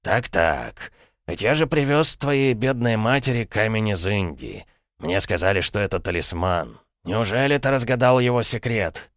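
A man voicing a sly, pompous middle-aged uncle, smooth and mock-courteous, with an ironic tone. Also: on the low side, lively intonation, normal speed, a bit bright, dry recording, clean studio sound, voice pushed up. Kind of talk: audiobook character voice.

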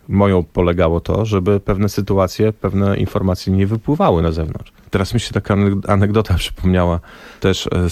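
A man's voice: low-pitched, no room sound. A man, a former press officer for a national football team, telling stories in a radio studio interview and acting out the quoted lines. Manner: lively anecdotal storyteller, acts out quoted dialogue. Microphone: studio microphone.

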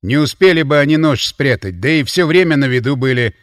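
A man reading the part of a stern male deputy commander who speaks briskly and with authority. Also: medium pitch, lively intonation, no room sound, studio quality, natural voice.

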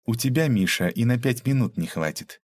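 A man's voice: mid-range voice, animated, normal speed, dry recording, voice pushed up, natural voice. A man reading an audiobook aloud, voicing a tough, ironic young woman detective who mocks and lectures. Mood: mocking. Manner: mocking, cold, lecturing.

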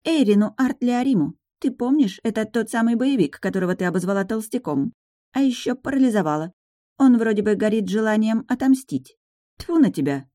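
A woman's voice: on the high side, lively intonation, a little fast, warm tone, no echo, voice pushed up, natural voice. A woman voicing a small sardonic male dragon familiar who teases and lectures. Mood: teasing. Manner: teasing, dry, lecturing. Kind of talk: audiobook narration.

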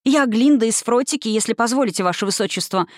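A woman's voice: fairly high pitch, fast talker, no echo, studio quality, voice pushed up, lightly acted. Woman doing a prim, fretful young Glinda. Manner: prim, anxious and exasperated. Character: fussy, high-strung young woman student.

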